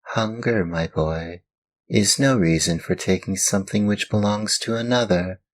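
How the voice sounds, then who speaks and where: A man voicing a small female glowworm in a storybook reading, speaking gently and moralizing. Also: fairly low pitch, a little slow, pitched above the performer's own voice, close to an everyday voice. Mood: gently scolding.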